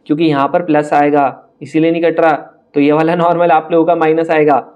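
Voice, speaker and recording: A young male maths teacher with a high, bright voice walks students through problems step by step in an online exam-prep lesson. He's brisk and chatty, talking straight to the class and laughing off tough-looking questions with a teasing tone. His delivery is flat and the audio is dull.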